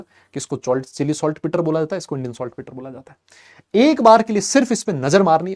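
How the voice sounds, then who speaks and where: A man teaching a chemistry class, chatty and lively, quizzing and teasing his students and mixing English terms into his talk. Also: a little high. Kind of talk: classroom lecture.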